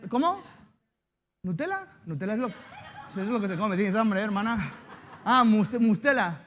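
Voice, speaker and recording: A man's voice: sits high, lively intonation, normal speed, fairly bright tone, a little hiss or hum. A man from Spain with a Spanish accent, a pastor preaching a sermon and telling a personal story with jokes and banter aimed at the congregation.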